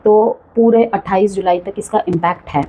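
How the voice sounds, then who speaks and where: A woman's voice: mid-range voice, fairly even intonation, moderate pace, mellow, slight background noise, rough recording. A woman giving a chatty monthly tarot horoscope reading, full of warnings and frequent check-ins with the listener. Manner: chatty, cautionary, repeats "ठीक है" often. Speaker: tarot reader.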